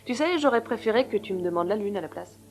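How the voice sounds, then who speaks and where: A woman's voice: mid-range voice, animated, fast, faint music behind, lightly acted. A woman dubbing a caring woman doctor in a French film, protective and full of questions. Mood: concerned, teasing. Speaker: hospital doctor.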